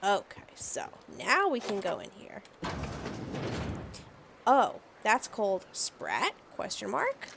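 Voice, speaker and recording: A woman's voice: medium pitch, huge pitch swings, takes it slowly, gravelly, pauses often, background noise. A woman streamer chatting dryly while playing a game, with wry asides. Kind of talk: casual gameplay commentary.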